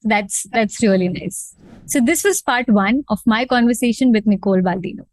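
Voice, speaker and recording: A woman's voice: a little high, normal speed, a little mellow, no echo. A woman hosting a podcast interview, enthusiastic and affirming toward her guest. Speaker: podcast host.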